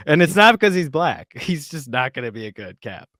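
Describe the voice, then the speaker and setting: A man's voice: fairly high pitch, big pitch swings, fairly quick, bright, forceful tone, no room sound, studio quality. A man hosting a casual podcast chat, reading an article aloud with sarcastic asides and frequent laughs. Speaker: podcast host.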